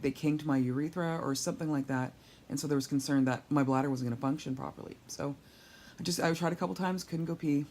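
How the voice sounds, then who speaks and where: A woman's voice: extremely low pitch, a little mellow. A woman, weak and sore after surgery, talking in a rambling, candid, wry way in a casual video diary recorded on a handheld tablet at home. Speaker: patient vlogger recovering from surgery. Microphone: tablet held overhead while lying down.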